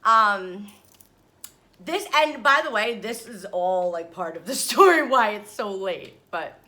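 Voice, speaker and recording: A tired young woman vlogging, casually telling a dramatic travel story with laughs and swings in pitch. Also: lively intonation, takes it slowly, bright, forceful tone. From New York area. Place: hotel room.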